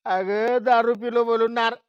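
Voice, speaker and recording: A woman's voice: a little high, steady tone, moderate pace, smooth, no echo, muffled recording, lightly acted. A woman acting a stubborn drunk village husband, slurring and groaning as he insists. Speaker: comic actor.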